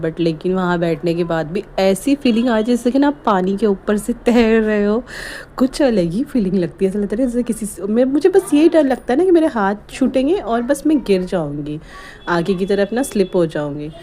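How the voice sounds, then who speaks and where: A woman narrating her home vlog as a chatty voice-over, rambling and animated, often breaking into laughs. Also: medium pitch, slight background noise. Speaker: home vlogger. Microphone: voice-over recorded while editing.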